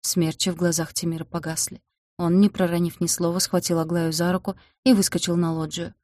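A woman narrating a story in a steady audiobook reading. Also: on the low side, brisk, no echo.

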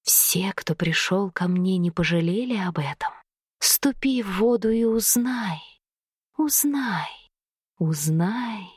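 A fish-tailed river creature coaxes her prey in a low, hushed, drawn-out whisper, as a woman narrator puts her on. Her sweetness hides a greedy hunger. The voice sits well below the narrator's own and stays close and dry. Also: animated, breathy edge, no echo. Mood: coaxing whisper. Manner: whispery, slow, coaxing. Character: seductive female river creature, half fish, sly and hungry.

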